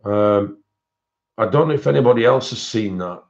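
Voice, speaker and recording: On a live-stream coloring-supply haul, this host of a coloring book channel rambles and chats with viewers about their comments. His voice is lowish and gravelly at a moderate pace, full of fillers and self-corrections. The sound is lo-fi.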